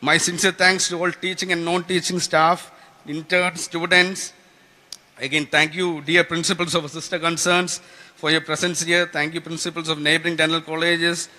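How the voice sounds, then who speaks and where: A man's voice: fairly high pitch, level tone, moderate pace, pushed and bright. A man from delivering a formal vote of thanks at an event, reading through a long list of names with occasional hesitations. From India. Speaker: speaker giving vote of thanks.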